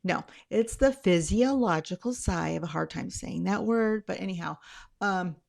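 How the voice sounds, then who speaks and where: A middle-aged woman speaks in a fairly low voice with a strong creak to it. She hosts in a casual, conversational style, explaining things as she would in a chat. Her delivery wanders, with asides and self-corrections along the way. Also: normal speed, a little mellow. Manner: rambling, self-correcting, chatty. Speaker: channel host sharing anxiety tips.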